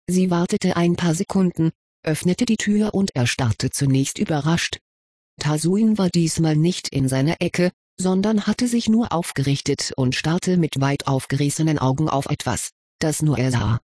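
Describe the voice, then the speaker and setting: A narrator reading a story aloud in an even, measured way. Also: mid-range voice, dry recording, studio quality.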